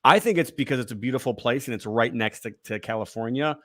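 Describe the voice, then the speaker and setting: A man's voice: mid-range voice, fast, a bit bright. A man as an interview guest, rambling casually with many fillers and restarts.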